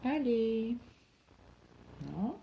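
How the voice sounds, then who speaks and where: With a fairly high, warm voice and drawn-out words, a middle-aged woman stitches along with viewers in her cross-stitch vlog. She talks casually from home, musing aloud and letting sentences trail off now and then. A little hiss or hum sits under the recording.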